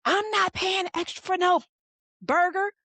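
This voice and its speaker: Brief: a woman doing a shouting, indignant customer woman, high-pitched. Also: unhurried, no room sound, exaggerated voice. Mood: angry outburst. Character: angry broke female diner customer.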